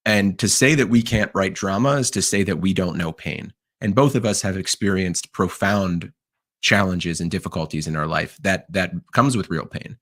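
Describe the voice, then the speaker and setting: A man's voice: deep voice, normal speed, fairly bright tone. A man co-hosting a casual podcast, earnestly arguing his point with enthusiasm. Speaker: podcast co-host. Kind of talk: casual chat.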